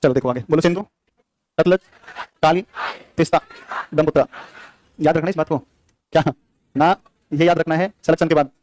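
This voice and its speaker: A man's voice: fairly high pitch, a little mellow. A young man teaching an exam-prep geography class with a sore throat, drilling facts through repeated quiz questions. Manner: rapid, repetitive drilling with quiz questions to students.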